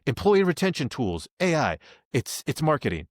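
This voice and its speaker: A man's voice: on the high side, moderate pace, no echo, studio quality. A man co-hosting a casual business podcast, talking loosely and acting out quotes as he goes. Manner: rambling, animated, acts out quotes. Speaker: podcast co-host.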